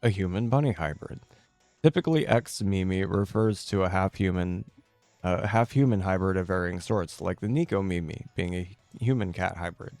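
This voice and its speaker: A man chatting casually as a game streamer, answering viewers' questions in a laid-back, rambling and halting way. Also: sits low, darkish tone, dry recording, faint music behind.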